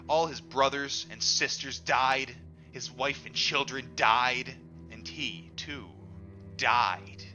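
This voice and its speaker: With a pushed, bright mid-range voice, a man narrates a book in the first person as an audiobook reader, theatrically stretching his stressed words. Music sits behind him on a dull, lo-fi recording.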